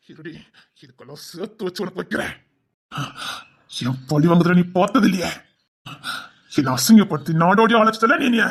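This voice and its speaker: A man's voice: vocal fry, slightly rough, exaggerated voice. A man with a Tirunelveli Tamil accent, voicing a wronged and vengeful husband in a dubbed family drama, scolding bitterly. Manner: bitter, scolding, swinging between shouts and low mutters.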